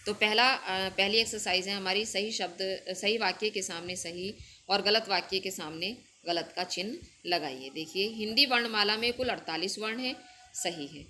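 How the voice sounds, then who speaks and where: A woman's voice: medium pitch, normal speed, pushed and bright, slight background noise. A woman teacher giving a recorded school lesson, explaining grammar step by step and often checking with the class. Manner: patient, explains step by step with "theek hai" checks.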